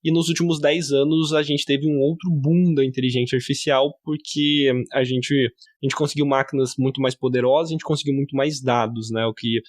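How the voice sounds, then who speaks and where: Male podcast host, mid pitch, measured, dry close recording. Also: steady tone, dry recording. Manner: thoughtful, sets up questions with context, frequent "né?". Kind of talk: podcast interview question.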